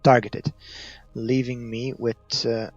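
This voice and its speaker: A man's voice: level tone, takes it slowly, darkish tone, soft background music. A man with a Maltese accent giving unscripted gameplay commentary, hesitant and thinking aloud as he goes. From Malta. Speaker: gaming video creator. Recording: muffled, dull low-fidelity audio.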